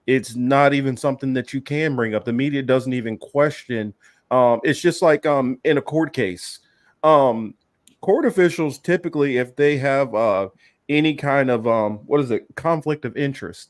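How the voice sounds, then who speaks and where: A man's voice: medium pitch, normal speed, dry recording, studio quality. A man co-hosting a casual political talk, rambling and emphatic, with many fillers and restarts. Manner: heated, emphatic. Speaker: podcast co-host.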